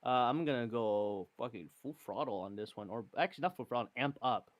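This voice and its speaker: A man playing a tabletop game in casual chat, thinking out loud and second-guessing himself. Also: medium pitch, animated, brisk, no room sound. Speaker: player in an online tabletop battle.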